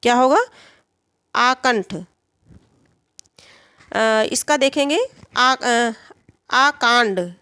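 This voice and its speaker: A woman's voice: fairly high pitch, drawn-out words, pauses often, pushed and bright, clean tone, no echo. A woman teaching a Hindi spelling exam lesson, who repeats each answer and asks and answers her own questions.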